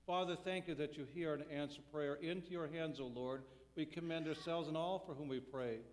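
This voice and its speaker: Pastor with cathedral echo. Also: male voice, on the high side, steady tone, a little hiss or hum. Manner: measured, solemn, phrase-by-phrase delivery. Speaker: pastor leading worship. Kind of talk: liturgical prayer and communion liturgy. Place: church sanctuary during a service. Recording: long church reverb, voice from a distance.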